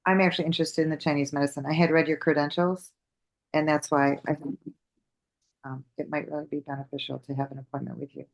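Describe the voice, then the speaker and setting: A woman's voice: deep voice, flat delivery, quick pace, vocal fry, rough recording. A woman in the audience, a parent, asking eager and grateful questions after a talk.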